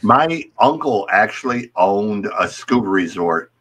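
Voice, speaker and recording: A man hosting a podcast, telling relaxed anecdotes in casual chat. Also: lowish voice, unhurried. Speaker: podcast host.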